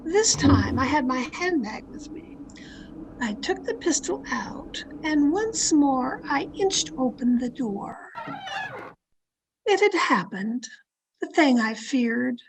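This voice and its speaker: In a very animated, high, full character voice, she plays a tense woman narrating her crime in first person for a 1940s-style radio mystery performed online. The telling is deliberate, dramatic and suspenseful, its mood brooding, and the home video-call recording is noisy.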